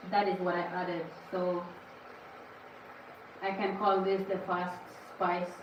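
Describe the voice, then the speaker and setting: A woman's voice: fairly low pitch, flat delivery, slow, dull audio, noisy background. A woman hosting a cooking livestream, chatting casually and lecturing viewers as she cooks. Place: home kitchen. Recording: echoey kitchen, mic at a distance.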